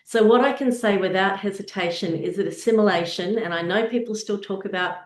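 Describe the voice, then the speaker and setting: A woman giving a slide presentation on intercultural practice, earnest and measured, often posing rhetorical questions. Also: medium pitch, roomy sound, a little hiss or hum.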